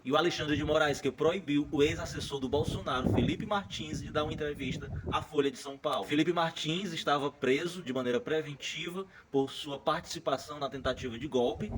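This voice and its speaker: A man's voice: on the high side, noisy background. Sarcastic Brazilian male commentator. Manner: sarcastic, mocking. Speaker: political commentary host. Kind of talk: opinionated commentary.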